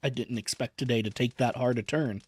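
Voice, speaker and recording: A man reading a novel aloud as a streamer, gentle and emotional, pausing to chat about the story. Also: medium pitch, steady tone, breathy edge. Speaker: vtuber book reader.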